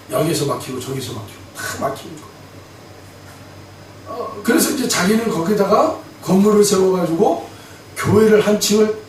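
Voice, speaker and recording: A man preaching as a pastor, telling a personal story in a lively way and acting out the dialogue himself. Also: high voice, a little hiss or hum. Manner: animated storytelling, acts out dialogue. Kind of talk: sermon with personal testimony. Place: church sanctuary. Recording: echoey church hall, mic at a distance.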